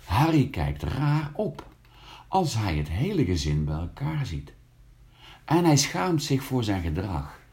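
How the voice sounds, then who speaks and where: A man reading a children's story aloud, slow and expressive, lifting his voice for the characters. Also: on the low side.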